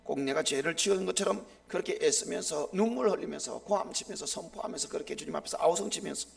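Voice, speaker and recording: Impassioned high-voiced gravelly male pastor. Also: quick pace. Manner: impassioned preaching with sharp swings between loud and hushed. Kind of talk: live sermon.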